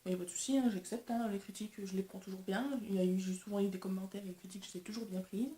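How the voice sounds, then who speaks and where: A woman's voice: medium pitch, steady tone, very fast, dark tone, reverberant. A young woman vlogger chatting casually and self-deprecatingly while testing makeup. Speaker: beauty vlogger. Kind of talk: casual chat.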